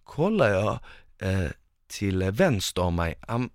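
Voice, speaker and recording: A man's voice: lowish voice, no echo, clean studio sound. A man telling a long story in casual conversation, rambling with lots of fillers. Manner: lively, rambling, with many fillers.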